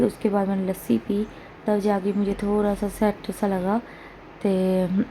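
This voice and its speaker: Woman vlogging at home, flat delivery. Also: medium pitch. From India. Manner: plain, complaining, straight-talking. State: unwell, in pain. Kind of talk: casual home vlog talk. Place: home room with air conditioner running. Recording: noisy room, air conditioner hum.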